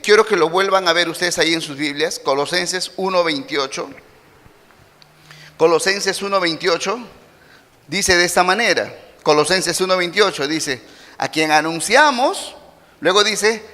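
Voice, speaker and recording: Peruvian pastor man preaching, high bright voice, big echo in the church. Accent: Peruvian Spanish. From Peru. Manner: animated preaching with acted-out quotes. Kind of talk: sermon. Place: church hall.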